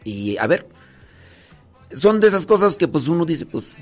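Joking Mexican priest on radio. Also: male voice, fairly high pitch, sing-song, a little slow, faint music behind. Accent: rural central Mexican. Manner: rambling, joking, many fillers. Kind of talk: casual radio talk, storytelling. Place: retreat house.

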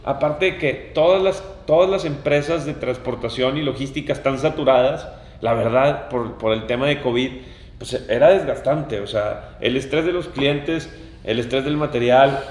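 A man's voice: medium pitch, moderate pace. A man hosting a casual podcast, talking emphatically and repeating key words for stress. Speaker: podcast host. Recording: roomy echoing room.

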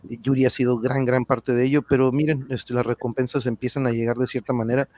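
A Mexican man hosts a livestream in a casual, conversational way. His pitch sits in a normal male middle range, and he speaks in slangy, thankful phrases, addressing his viewers directly. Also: level tone, fast talker, a little mellow, dry recording. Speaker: livestream channel host.

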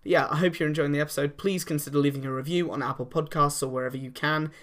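A man's voice: a little high, steady tone, racing, a bit bright. A young man hosting a podcast, chatting casually with plenty of fillers and laughs. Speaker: podcast host. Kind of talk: casual chat.

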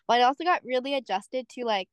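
A young woman chatting casually as a student podcast host, her voice a touch high. She fills her sentences with "like" and easy asides. The sound is dry and close, with no room around it. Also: animated, fast, clear, resonant tone, no room sound. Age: young adult. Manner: chatty, heavy use of "like" fillers. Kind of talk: casual chat.

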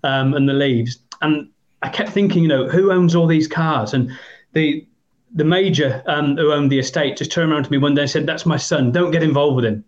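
An English man in his fifties talks as a podcast guest. He tells his stories in a rambling, hesitant way, full of ums. His voice sits slightly high and sounds dull and lo-fi. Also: moderate pace. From England. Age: 50s. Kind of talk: storytelling in a podcast interview.

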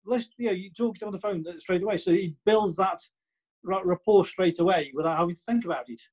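A man's voice: sits high, fast, a little mellow, slightly rough, poor audio. A man with a Stoke-on-Trent accent chatting casually on a podcast, emphatic and repeating his points with plenty of "you know".

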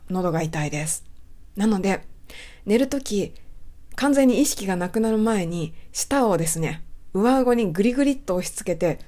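A woman's voice: mid-range voice, darkish tone. A woman teaching English pronunciation, explaining politely step by step and whispering example words to model them. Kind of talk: explanatory lesson talk.

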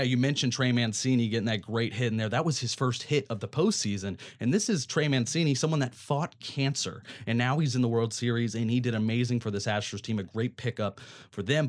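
An enthusiastic young man talks sports on a campus radio show. His voice sits at a middle pitch, and he strings stats and trivia together with eager energy. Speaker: sports talk host. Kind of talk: casual sports talk radio.

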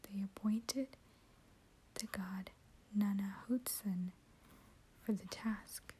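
A woman hosting her own channel, reading a short story aloud in a soft, steady whisper. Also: mid-range voice, slow, a little hiss or hum.

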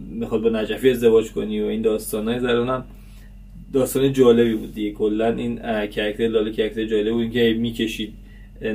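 A man's voice: fairly low pitch, a little mellow. Casual guy reviewing a tv series, rambling, lots of uhs, a bit far from the mic. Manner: chatty, many fillers.

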